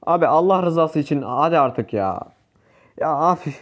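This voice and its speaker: A young man talks over his game in a casual commentary style. His voice sits on the high side, and he turns excitable, groaning and shouting at teammates as the match goes on. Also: moderate pace. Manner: excitable, swears and yells at teammates. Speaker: gaming youtuber.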